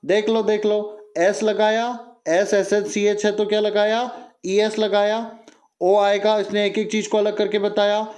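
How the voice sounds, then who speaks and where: A young man teaching an exam-prep grammar lesson, repeating phrases and firing quick questions at his students. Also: high-pitched, completely flat delivery, a little mellow.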